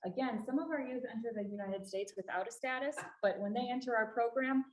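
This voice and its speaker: A woman's voice: a little high, brisk. Woman giving a library talk on refugee services, earnest, explains step by step, echoey room. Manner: earnest, explanatory, stresses key points. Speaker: refugee services staff presenter. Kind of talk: public talk to a library audience.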